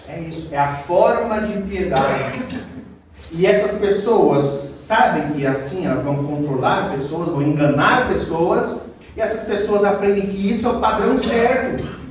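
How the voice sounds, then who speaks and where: A Brazilian pastor with a fairly high voice preaches in a chatty, emphatic manner, firing rhetorical questions at his congregation. His voice booms through a very reverberant church hall, picked up from a distance. Faint background noise sits beneath. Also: measured pace. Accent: Brazilian Portuguese. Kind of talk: expository sermon.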